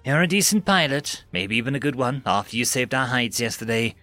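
A man's voice: mid-range voice, expressive, a little fast, pushed and bright, no room sound, faint music behind. A man voicing a stern, commanding female starship captain.

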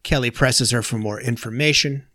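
A man in casual podcast chat, rattling through a plot summary with scattered uhs. His voice sits at an ordinary middle pitch. The sound is dry and close, with no room around it. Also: sharp tone, no echo. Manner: narrates plot quickly with filler uhs. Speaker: podcast host recapping episodes.

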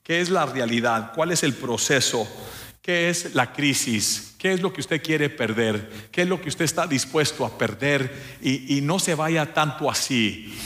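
A male pastor delivers a sermon to his congregation. He preaches emphatically, often calling out to the listeners, and sometimes slips English words into his speech. His voice sits at an ordinary middle pitch for a man. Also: lively intonation, a little slow, fairly bright tone. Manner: drops English words into Spanish.

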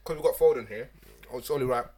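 A young man from Ghana hosting a casual podcast chat, animated and full of slang, his voice leaping up when he makes a point. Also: fast talker. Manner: animated, London slang, jumps up in pitch when making a point. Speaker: podcast host.

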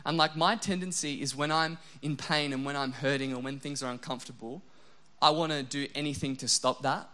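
A man in his younger adult years preaches with an emotional, self-deprecating energy. His voice sits a little high for a man, and he swings between lively bursts and hushed, intimate prayer. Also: fairly quick, hardly any pauses. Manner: animated, self-deprecating, often drops to a soft low voice for prayers. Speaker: pastor. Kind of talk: sermon.

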